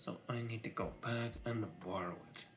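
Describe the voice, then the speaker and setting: A man whose first language is Russian, speaking English with a Russian accent while thinking aloud on a live coding stream, halting and full of filler sounds. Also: mid-range voice, fairly even intonation, noisy background. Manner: halting, many filler sounds, muttering to himself; self-conscious about his English voice.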